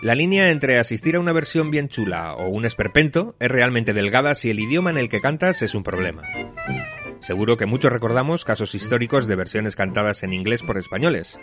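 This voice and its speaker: A man's voice: mid-range voice, animated, a little fast, fairly bright tone. A man giving wry, conversational advice as a contributor to a radio music segment.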